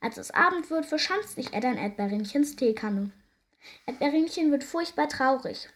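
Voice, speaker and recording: A woman reading a children's story aloud in a gentle, lively way. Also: sits high, normal speed.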